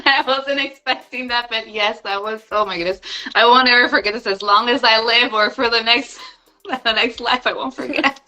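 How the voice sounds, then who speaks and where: Gushing bright-voiced young woman host. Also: on the high side, moderate pace, rough recording. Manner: gushing, emotional, effusive. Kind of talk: casual live-stream interview.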